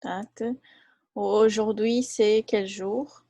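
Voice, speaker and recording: A woman teacher speaks slowly and patiently in a mellow, warm voice, going over each example again and again. The sound is close and dry, with no room around it. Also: mid-range voice, fairly even intonation, gravelly, dry recording. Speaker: French teacher. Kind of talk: live online class.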